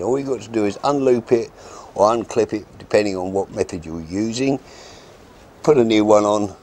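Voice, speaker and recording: An older man with a fairly low, slightly mellow voice gives a casual fishing demonstration in a garden near a wooden fence. As a practical instructor, he speaks plainly and frankly in short steps, picked up on a camera mic with faint outdoor noise.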